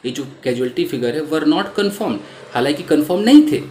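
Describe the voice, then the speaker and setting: A man teaching English in Hindi, reading lines from a news article slowly and then explaining the meaning of each word. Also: on the high side, animated, darkish tone, a little hiss or hum. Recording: roomy echo.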